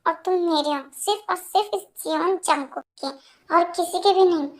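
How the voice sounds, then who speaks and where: A woman voicing a hot-tempered, possessive young man in an amateur fan dub, speaking angrily and forcefully. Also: very high voice, moderate pace. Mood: angry. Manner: angry, forceful, then pleading.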